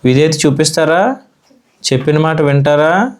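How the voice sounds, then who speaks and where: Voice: medium pitch, lively intonation, normal speed. A Sunday school teacher from India giving a children's Bible lesson in a church classroom, asking the children questions and repeating their answers.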